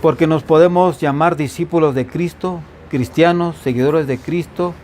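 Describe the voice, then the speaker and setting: Preaching informally at a Bible study, this Veracruz-coast pastor carries a faint local accent and keeps asking his congregation questions. He speaks at normal speed in a fairly high, slightly mellow voice, and there's a little hiss or hum on the recording.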